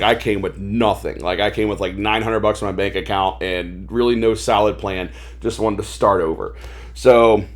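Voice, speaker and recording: A man talking as a podcast guest, telling his life story in a rambling, casual way with lots of fillers, animating the voices of people he quotes. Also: lowish voice. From Maryland, USA. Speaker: podcast guest, toy store owner.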